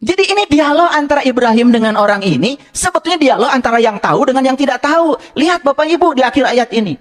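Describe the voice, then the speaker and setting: Lively, high-pitched preacher man. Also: quick pace. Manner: playful, quizzes and teases the audience, switches into local phrases. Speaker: religious teacher. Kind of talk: interactive religious lecture to an audience.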